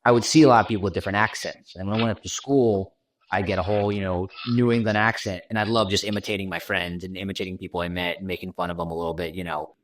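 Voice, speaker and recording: A content creator from Washington D.C., USA, speaks as a podcast guest in a casual interview, relaxed and chatty, leaning on fillers like "you know" and "right." His voice is low-set with a neutral American accent, and he talks at a quick pace. The recording is close and dry, with no room sound.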